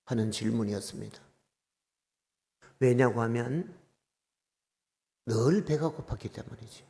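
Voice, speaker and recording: An older man, a retired pastor with a Gyeongsang accent, preaching a sermon in a storytelling manner that swings between hushed asides and loud exclamations. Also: medium pitch, gravelly, big-room sound. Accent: Gyeongsang Korean.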